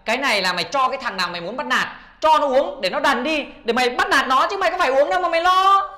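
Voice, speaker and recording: A man's voice: very high-pitched, lively intonation, rapid-fire, sharp tone, reverberant, full character voice. An actor playing a sly male prankster who teases and schemes as he offers a potion. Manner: teasing, scheming.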